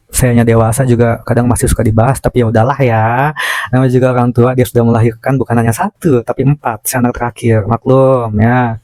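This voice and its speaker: A man's voice: mid-range voice, dark tone, dry recording, low-quality recording. A forty-year-old man with a speech impediment on his R, chatting casually and personally to his followers as a content creator, sometimes hard to follow. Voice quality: speech impediment on R, cannot pronounce r properly. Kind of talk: casual confessional chat to followers.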